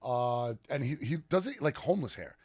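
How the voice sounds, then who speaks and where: A man's voice: medium pitch, animated, fairly quick, darkish tone, no room sound. A young man co-hosting a sports podcast, rambling, teasing and swearing in casual chat. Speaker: podcast co-host.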